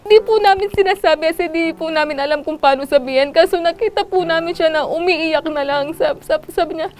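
A woman's voice: very high voice, brisk. A young woman, a widow, recounting her husband's death in an emotional interview, tearful and quoting what others told her. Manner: tells events by quoting others, frequent "sabi niya". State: tearful, voice breaking. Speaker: widow of a shooting victim.

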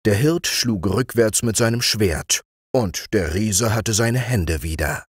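Slow expressive male fairy-tale reader. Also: lowish voice, husky, dry recording, clean studio sound. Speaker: audiobook reader. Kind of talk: bedtime fairy-tale narration.

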